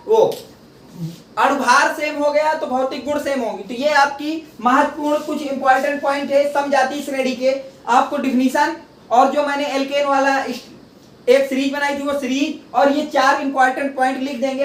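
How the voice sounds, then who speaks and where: Male chemistry teacher, bright raised register, quizzes himself aloud; echoey room, mic at a distance. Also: very high voice, a little hiss or hum. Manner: rhetorical call-and-response questions; repeats key terms for drilling. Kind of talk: classroom lecture.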